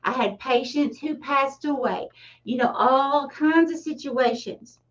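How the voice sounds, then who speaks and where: A woman's voice: high-pitched, measured pace. A middle-aged woman giving a casual livestream tarot reading, chatty and often laughing at herself. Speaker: tarot reader. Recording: distant, slightly dull mic.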